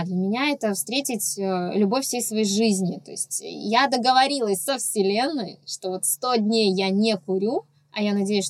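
A woman's voice: medium pitch, no echo. A woman blogger talking candidly and earnestly about her own experience in a casual podcast conversation.

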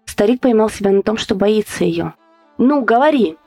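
Measured female narrator for a spooky tale, soft music underneath. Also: mid-range voice, creaky, husky. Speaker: podcast host. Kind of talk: scripted horror story narration.

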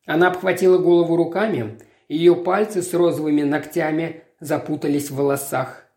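A woman narrating an audiobook in a measured, even storytelling manner. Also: low voice. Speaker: audiobook reader. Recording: roomy echo.

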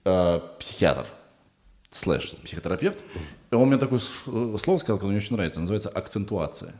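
A man's voice: fairly low pitch, animated, fast talker, darkish tone. A man hosting a podcast interview, talking informally and rambling in short broken pieces. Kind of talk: casual conversational interview.

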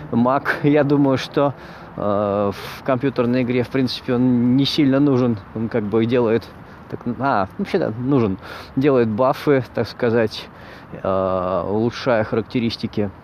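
A man hosting an informal podcast monologue, speaking haltingly in broken phrases as he searches for words. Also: lowish voice, darkish tone, slight background noise. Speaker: podcast host.

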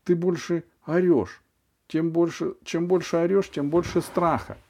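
A man's voice: fairly high pitch, steady tone, a little slow, a little mellow, slight background noise, pitched above the performer's own voice. A man voicing a small, stern female dentist who coaxes a child and then orders him about firmly. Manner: coaxing then sharply commanding.

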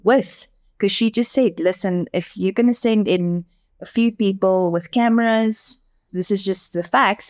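Her pitch fairly low, a Namibian woman with an Afrikaans accent answers interview questions in her role as an agency director. She comes across as earnest and tends to repeat words while she thinks.

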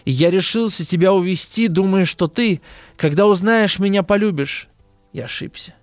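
A man reading aloud the lines of a brooding young officer, in a measured, dramatic way. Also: high voice, no echo, faint music behind, close to an everyday voice. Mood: solemn. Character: brooding young male officer, cold and manipulative.

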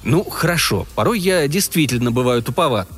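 A man's voice: medium pitch, animated, fairly quick, fairly bright tone, breathy edge, soft background music. A man doing a dry, mocking everyman. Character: ordinary mocking middle-aged American man.

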